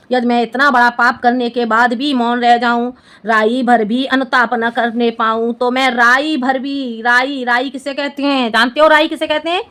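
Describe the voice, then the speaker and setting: A young woman teaching Hindi in a high, bright voice. She goes through a poem in a patient classroom style, explaining every line. She keeps checking with her students that they have followed.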